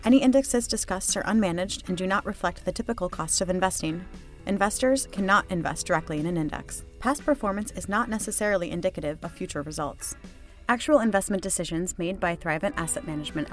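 A woman with a slightly low voice reads a scripted legal disclaimer at a very fast clip. She works as the announcer for the fine print, with music behind her.

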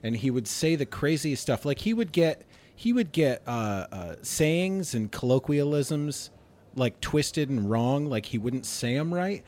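A man's voice: mid-range voice, unhurried. A man telling funny stories as a guest on a casual podcast, laughing often. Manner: animated storyteller, laughs often.

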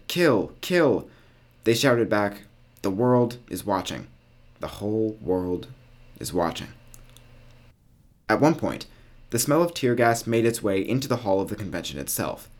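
A man hosting a podcast, reading scripted history narration with casual, wry asides. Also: fairly low pitch. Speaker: podcast host.

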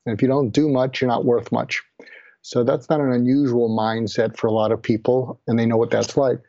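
An older man recounts his own past in an earnest, reflective way. His voice is dark and mellow. The recording is dry and sounds dull, with little room around it. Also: mid-range voice, little pitch movement, a little fast, no echo. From Boston area, USA. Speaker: guest, physician. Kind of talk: personal storytelling in an interview.

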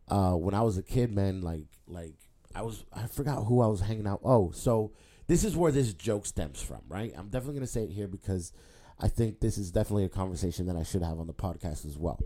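A male comedian rambles through a casual podcast monologue, full of "like" and "you know" and swearing. His voice sits low and sounds mellow and warm. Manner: rambling, loose, heavy filler and profanity. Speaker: stand-up comedian and podcast host.

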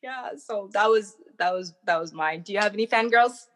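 A young woman talks as an interview guest in an easy, chatty way. She tells her stories with animation and acts out the quotes in them. Her voice sits in a middle pitch. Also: moderate pace, a bit bright. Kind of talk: casual interview chat.

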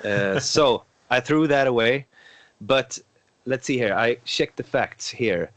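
A native Swedish speaker in his twenties from Sweden hosts a casual podcast chat, sounding hesitant and using many filler sounds. His mid-range voice is a bit bright, his pace slow, and there's no room sound.

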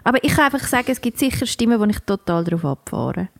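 A woman's voice: medium pitch, big pitch swings, fast, gravelly. A woman with a Swiss German accent co-hosting a podcast, chatting casually in a frank, teasing way. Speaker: podcast co-host. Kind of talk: casual chat.

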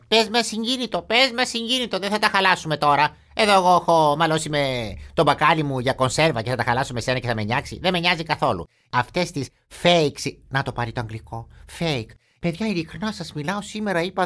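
A man playing a grumpy old grandfather who rants in a mock-indignant comic monologue, his voice swinging high and low. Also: pushed and bright. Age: older. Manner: mock-indignant grumbling with big pitch swings.

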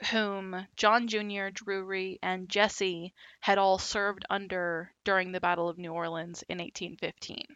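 A woman hosting a podcast, telling a story in a relaxed, casual way with lots of fillers. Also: mid-range voice, dry recording, highs cut off. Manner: relaxed, with many fillers and asides.

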